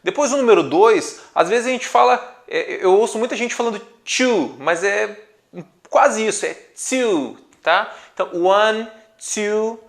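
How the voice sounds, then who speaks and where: A man's voice: sits high, normal speed, creaky. A man who speaks Portuguese as his first language, teaching English pronunciation patiently and stressing each example word. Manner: patient, drawing out example words with emphasis. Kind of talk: explaining English pronunciation to viewers.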